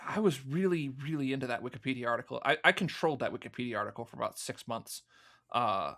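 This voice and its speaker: This man speaks with a mid-range voice that sounds pushed and bright. As a guest on an interview, the fan audio drama producer explains at length in a chatty, storytelling way, performing the remarks he recalls.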